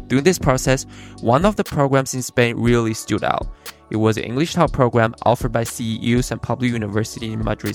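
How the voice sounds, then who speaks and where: A man's voice: medium pitch, creaky. A man hosting an educational podcast, talking in a plain conversational presenter's style. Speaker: podcast host, college counselor. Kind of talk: podcast introduction and casual interview.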